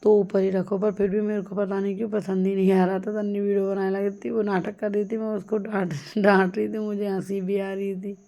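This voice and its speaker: A woman's voice: medium pitch, level tone, brisk, hardly any pauses, dark tone, highs cut off. A young adult woman chatting casually as she tells the story of her day in a home vlog. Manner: chatty, storytelling, laughs often. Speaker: vlogger.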